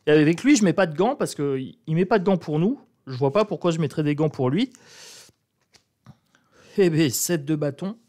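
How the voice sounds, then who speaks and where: A man's voice: on the high side, lively intonation, moderate pace, a little mellow. A man with a northern French accent doing a casual, irreverent tarot reading to camera and mocking as he talks. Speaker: tarot card reader.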